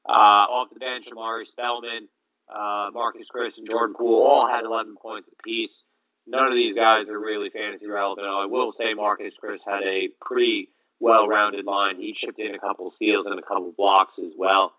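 A man's voice: lowish voice, little pitch movement, moderate pace, no echo, narrow, tinny audio. A man hosting a sports podcast, recapping player performances in a blunt, critical way. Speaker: fantasy basketball podcast host.

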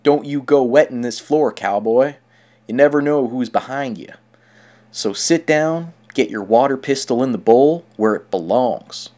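A folksy cowboy voice scolds in a drawl from a talking toilet gadget, as a man puts it on. It is a male character with an ordinary middle pitch, and the drawl carries the whole bit. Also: measured pace, a little mellow, close to an everyday voice. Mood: scolding.

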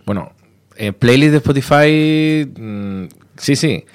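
A man, a radio station manager being interviewed, telling stories in a lively way and acting out dialogue. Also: mid-range voice, clean tone. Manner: lively, animated storyteller, quick to act out dialogue. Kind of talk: casual interview talk.

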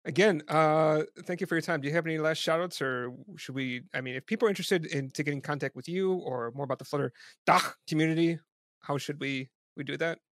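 A man's voice: fairly high pitch, fast talker, fairly bright tone, dry recording, studio quality. A man hosting a casual interview, self-deprecating and stammering on repeated words. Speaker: podcast host.

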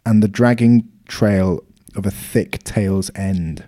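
Mellow-voiced man co-hosting a podcast. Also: on the low side, slow pace. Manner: jokey, reads facts from notes. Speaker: podcast co-host. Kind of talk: casual chat.

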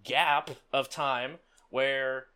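A man's voice: medium pitch, fairly even intonation, very slow, bright, forceful tone, smooth. A man hosting a tabletop roleplaying game as game master, addressing players and audience.

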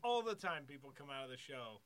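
A man's voice: medium pitch, big pitch swings, fast, a bit bright. A man in casual joking chat, wisecracking and often laughing as he talks.

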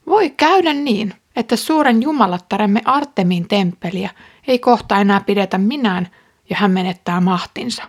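A woman's voice: mid-range voice, expressive, slightly rough. A woman reading out the words of an agitated male silversmith rousing his fellow craftsmen, with urgent, rising speech.

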